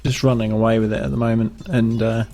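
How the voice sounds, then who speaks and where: Quick-talking male co-caster. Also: fairly low pitch, flat delivery, mellow. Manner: quick, casual analysis with fillers. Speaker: esports co-caster. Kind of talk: live game commentary.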